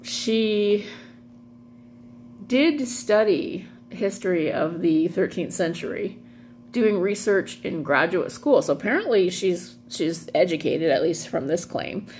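Speaking slowly in a fairly low, slightly mellow voice with animated delivery, this middle-aged vlog host, known for dramatic readings, offers casual rambling commentary full of wry, amused asides. The recording, made indoors in a small home room, carries a clearly audible hum.

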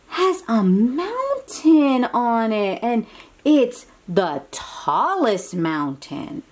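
At a medium pitch, a woman slowly reads a picture book to young children, her voice moving expressively up and down. She exclaims along the way and gently prompts her little listeners with simple questions.

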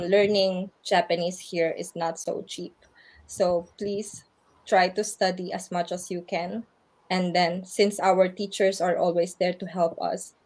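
A woman from the Philippines with a fairly low, darkish voice and a Filipino accent joins a video call as a guest speaker. She's an English teacher in Japan answering interview questions for an online orientation, giving earnest advice and laughing often.

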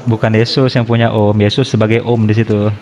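A man's voice: on the low side, level tone, a little fast, a little mellow, a little hiss or hum. A man in a casual online debate who keeps urging others and explains things step by step. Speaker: debate participant.

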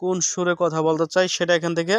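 In a casual screen-recording tutorial, a tech tips host with a high, fairly flat voice talks fast and smoothly with no echo. He walks through things step by step, repeating steps and checking for confirmation as he goes.

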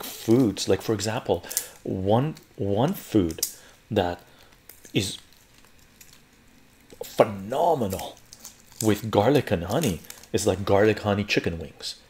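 A man's voice: fairly low pitch, a little hiss or hum. An older man from Canada's West Coast chatting casually on a home live stream while peeling garlic, rambling and repeating phrases. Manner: relaxed, rambling, repeats phrases, laughs often. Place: living room at home, indoors.

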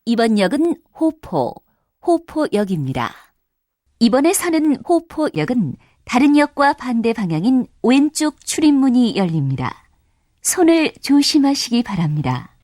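A woman's voice: fairly high pitch, sing-song, unhurried, darkish tone, no echo, studio quality. A woman reading a prerecorded train station announcement in a polite, formal, evenly paced voice. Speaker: subway announcer.

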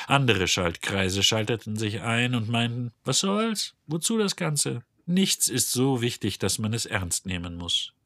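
A man reading an audiobook in scripted narration, husky and measured. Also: on the low side, fairly bright tone, dry recording.

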